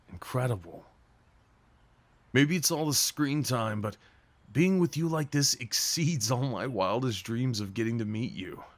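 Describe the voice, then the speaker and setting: In an intimate audio roleplay, a man plays a sweet, nervous gentleman on a first date. His middling voice is tender and earnest, but he sounds hesitant and apologetic, unsure of himself. There is no echo.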